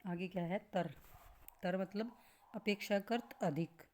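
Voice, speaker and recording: A woman teaching grammar at a slow classroom pace, reading out word lists one by one and explaining each, with an occasional cough. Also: mid-range voice, background noise. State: coughing at times.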